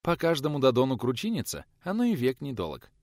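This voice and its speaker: A man voicing a calm wife who speaks softly and soothingly. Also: mid-range voice, fast, no room sound, studio quality, voice pushed up. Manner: soft, soothing, gentle.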